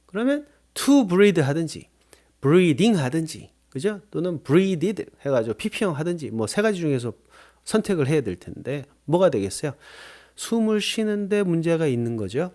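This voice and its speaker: A middle-aged man runs an English lesson, his voice rising and falling in a lively way. He spells words letter by letter and drills the pronunciation slowly. He often checks back with the listener. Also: fairly high pitch. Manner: asks rhetorical check-ins. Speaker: English teacher.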